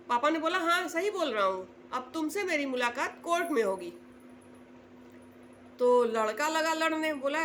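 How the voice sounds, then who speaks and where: A woman with a high-pitched voice tells a family story in a relaxed, conversational way. She slips into the quoted lines with a lowered voice. Faint noise sits behind her. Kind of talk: casual spoken storytelling.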